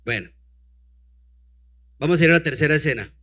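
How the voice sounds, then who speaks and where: Bright high-voiced male preacher. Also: a little fast. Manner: peppers reading with rhetorical questions to the congregation; calls out to a helper to advance the slides. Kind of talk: sermon with scripture reading.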